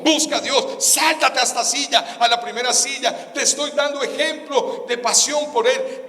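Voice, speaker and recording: A man's voice: extremely high pitch, sharp tone. A male pastor preaching a sermon, telling stories with acted-out dialogue and humorous asides. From Colombia. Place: large church auditorium. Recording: echoey church hall, voice from a distance.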